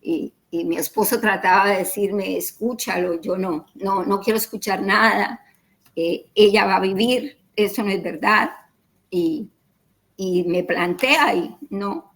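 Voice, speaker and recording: Gravelly-voiced woman telling a painful story. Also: medium pitch, unhurried, a bit bright, rough recording. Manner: retells dialogue in quoted voices, repeats words. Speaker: interview guest. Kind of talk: emotional personal storytelling.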